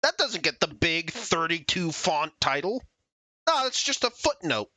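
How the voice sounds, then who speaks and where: Bright-voiced guy ranting over his game, lively, slow-paced, dry close mic. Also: fairly high pitch, no echo. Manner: sarcastic, animated. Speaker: let's play commentator. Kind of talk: gameplay commentary.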